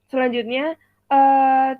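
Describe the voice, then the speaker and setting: Over a video call, a young woman with a high voice runs a practice lesson, breaking each point down step by step and quizzing her students. The dry audio sounds tinny, almost like a phone line.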